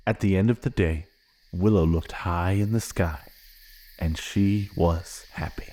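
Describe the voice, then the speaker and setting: A man gently reading a children's storybook aloud in an expressive way. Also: sits low, a little slow. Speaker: narrator.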